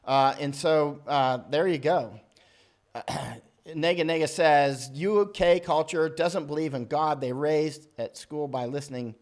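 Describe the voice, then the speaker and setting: American guy rambling on a livestream, reads comments out, slightly high voice, keeps restarting. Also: slow. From United States. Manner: rambling, restarts often, gets loud and heated. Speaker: livestream host reading viewer comments. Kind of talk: casual livestream talk.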